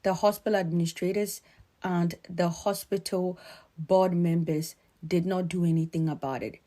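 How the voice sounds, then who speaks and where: A woman from Ghana with a Ghanaian accent, giving earnest, emphatic spoken commentary in a measured way. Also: on the low side, fairly even intonation, mellow.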